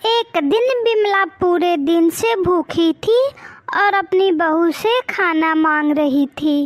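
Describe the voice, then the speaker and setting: A woman narrating a moral cartoon story in a slow, deliberate storytelling manner. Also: very high voice, dry recording.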